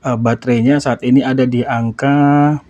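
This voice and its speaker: A man's voice: mid-range voice, steady tone, moderate pace, mellow, muffled recording. A man giving casual, informal gameplay commentary as a gaming phone reviewer, often tagging his statements with a small confirming word.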